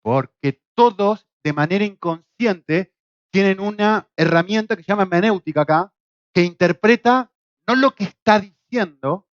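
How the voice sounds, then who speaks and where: A middle-aged Argentine man with a fairly high voice teaches a church Bible class, quick to fire off rhetorical questions and throw in a joke. He speaks with an Argentine Spanish accent. The recording is dull and lo-fi, with a dry, close sound. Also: no room sound. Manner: lively, asks rhetorical questions, jokes.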